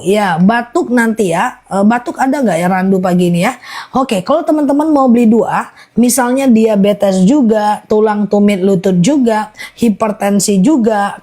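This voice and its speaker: A woman running a live-stream sales pitch for honey, chatty and repetitive, rattling off long lists and checking in with viewers. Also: warm tone.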